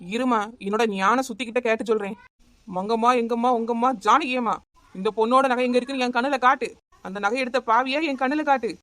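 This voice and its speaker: A woman's voice: on the high side, a little fast, fairly bright tone, close to an everyday voice. A woman voicing a smug, scheming male fake astrologer in a cartoon, talking in a glib, rambling, mock-solemn way with a Kanyakumari Tamil accent.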